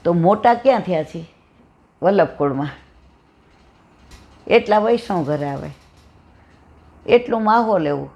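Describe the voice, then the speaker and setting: A woman's voice: fairly low pitch, expressive, a little slow, gravelly, pauses often, darkish tone. An older woman gives a devotional satsang talk, earnestly telling family stories and asking her listeners questions. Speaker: satsang speaker. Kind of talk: devotional talk with personal storytelling.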